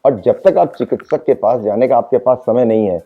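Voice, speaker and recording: A man speaking as the doctor guest on a talk show, explaining calmly and repeating reassurances. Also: mid-range voice, a little fast. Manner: calm advising, repeats reassurances. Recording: phone-like narrow band.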